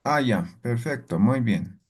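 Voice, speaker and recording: A man's voice: medium pitch, lively intonation, slow pace, husky. A man teaching a language class, explaining step by step and checking in with frequent tag questions. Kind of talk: classroom lesson.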